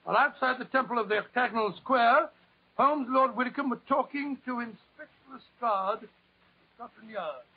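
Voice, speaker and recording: An actor playing a bumbling, kindly older English doctor in 1940s radio style, stammering and blustering. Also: male voice, very high-pitched, normal speed, husky. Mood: jovial storytelling. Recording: muffled old radio recording.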